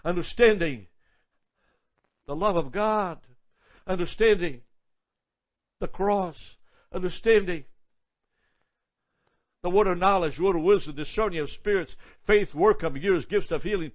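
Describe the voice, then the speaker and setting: High-voiced preacher, dull lo-fi sound. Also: male voice, a little slow, long pauses. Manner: emphatic preaching with lists and repeated phrases; stumbles and repeats words. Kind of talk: sermon.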